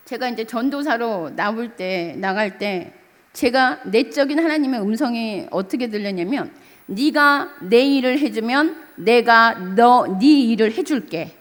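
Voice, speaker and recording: Animated middle-aged woman pastor preaching. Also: medium pitch, big-room sound. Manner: animated storytelling preacher, asks congregation for amens. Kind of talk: sermon. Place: church sanctuary.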